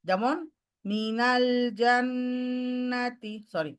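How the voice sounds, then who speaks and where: Lady teaching recitation, fairly high voice, drags out the example sounds. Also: fairly even intonation, clear, resonant tone. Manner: mixes English terms into her talk and demonstrates recitation slowly. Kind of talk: online recitation lesson.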